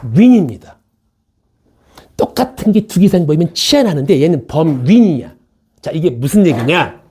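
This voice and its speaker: A man's voice: a little high, lively intonation, a little fast, darkish tone, slightly rough. A man teaching a math class in an academy classroom, joking around, repeating key points and checking in with the students. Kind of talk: classroom lecture.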